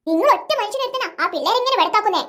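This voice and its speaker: A performer voicing a strict, sharp-tongued mother in a cartoon, nagging and sarcastic toward her husband. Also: very high voice, expressive, very fast, full character voice. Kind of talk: cartoon voice acting.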